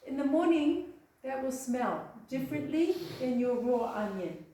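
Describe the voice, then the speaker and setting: An Australian woman with a high, dark-toned voice gives a hands-on health demonstration, unhurried but lively in her intonation. She's chatty and keeps checking in with "okay?" and "eh?". The far room microphone makes it sound echoey and distant, with a little hiss or hum.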